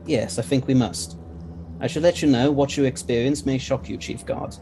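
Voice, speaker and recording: Voicing a confident, eccentric gentleman scientist who travels through time, a man explains things courteously in old-fashioned language for an audio drama. The mood is grave and resolute; his medium-pitched, near-everyday voice moves at a moderate pace over background music.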